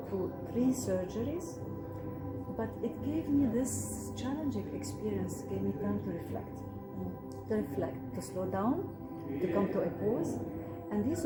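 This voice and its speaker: A woman from Lebanon, a guest telling a personal story in an earnest, measured way with pauses. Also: mid-range voice. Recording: roomy sound with loud music behind.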